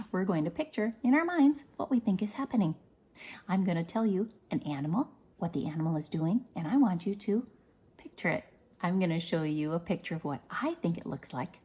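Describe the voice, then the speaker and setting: A woman teacher speaking gently and in a sing-song way to young children during a lesson. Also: mid-range voice, breathy edge. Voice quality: slow, gentle and sing-song, addressing kids.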